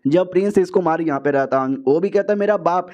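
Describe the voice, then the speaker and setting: A man's voice: fairly high pitch, a little fast, darkish tone, muffled recording. Slangy man doing a manga recap. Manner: chatty, slangy, acts out dialogue lines. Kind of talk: casual storytelling recap.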